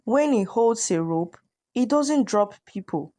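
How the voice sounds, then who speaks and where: A woman voicing a calm, determined young chief's daughter with a gentle way of speaking. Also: a little high, measured pace, pitched above the performer's own voice.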